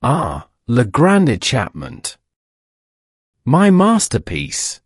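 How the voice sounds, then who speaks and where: A man's voice: mid-range voice, wildly swooping pitch, extremely slow, no echo, studio quality, full character voice. A man reading as a proud French illusionist. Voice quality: resonant.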